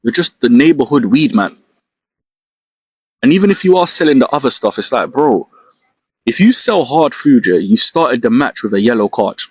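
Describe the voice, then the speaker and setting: A man's voice: mid-range voice, animated, normal speed, husky, no echo. A young man with a London accent giving blunt street-slang advice in a casual monologue clip. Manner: street slang, lecturing, emphatic. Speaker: social media creator.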